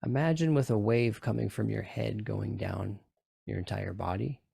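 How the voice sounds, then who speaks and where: Low, gravelly man guiding a relaxation. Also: moderate pace, dark tone, dry recording, clean studio sound. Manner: coaxing, repetitive instructions with frequent check-in questions. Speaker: group session leader guiding tapping and relaxation. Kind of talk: guided relaxation and hypnosis-style instruction.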